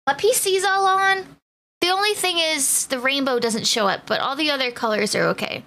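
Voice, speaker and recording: A woman live streamer chats casually with her viewers in a bubbly way, greeting each by turn. Her voice sits high and sounds bright. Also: moderate pace. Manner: bubbly, greets viewers one by one, laughs often.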